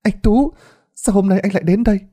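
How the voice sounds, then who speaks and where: A man's voice: sits high, brisk, dark tone, voice pushed up, close to an everyday voice. A man voicing a frightened pregnant young woman in a ghost story, wailing desperately. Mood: surprised.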